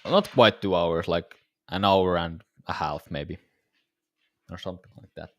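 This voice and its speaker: A man's voice: low-pitched, unhurried, no room sound. A tired man casually talking to viewers during a live trading stream, his voice a little worn. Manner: laid-back, musing, talks to viewers. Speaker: day-trading livestreamer.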